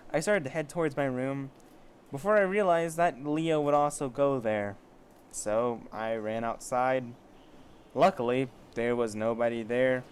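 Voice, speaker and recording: Reading amateur fiction in a casual way, this man speaks at a medium pitch and breaks in with foul-mouthed, sarcastic commentary. Slight background noise is audible.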